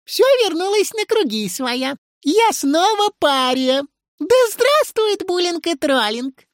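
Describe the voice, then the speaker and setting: A woman voicing a grumpy young female kikimora, a swamp-spirit pupil, in a squeaky, whiny voice. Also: sing-song, slow pace, no room sound, clean studio sound, heavily acted. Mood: grumbling.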